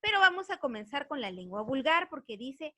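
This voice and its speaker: Woman, language teacher, higher register, dry sound, patient explaining tone. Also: sing-song, a little fast, sharp tone, dry recording. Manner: earnest, explains patiently, checks understanding with frequent tag questions. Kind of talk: recorded online grammar lesson.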